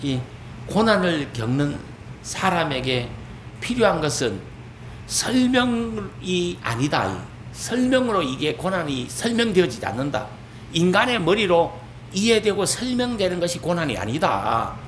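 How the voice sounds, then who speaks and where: A male pastor preaching a sermon in an animated way, acting out quoted speech. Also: high-pitched, a little slow. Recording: echoey church hall, faint noise.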